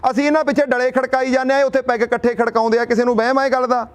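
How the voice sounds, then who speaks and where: A man's voice: very high-pitched, level tone, very fast. A young man addressing a gathering in a rousing speech, asking and answering his own rhetorical questions and telling a folk tale. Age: young adult.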